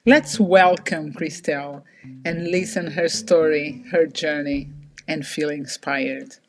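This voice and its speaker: A woman's voice: sits low, slow pace. A woman hosting a podcast interview, upbeat and welcoming as she introduces and questions her guest. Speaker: podcast host.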